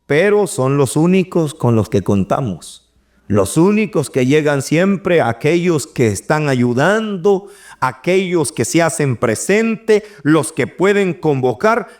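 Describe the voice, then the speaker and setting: A middle-aged man, preaching an animated sermon and acting out the voices he quotes. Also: fairly high pitch, slow pace.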